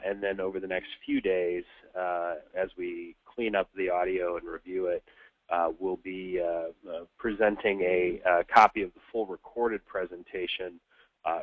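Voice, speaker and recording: A deep-voiced man with a nasal, stuffed-up sound from a cold presents a business webinar. He talks haltingly, with lots of filler sounds. The audio is dry and tinny, like a phone line. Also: no echo. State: congested from a cold.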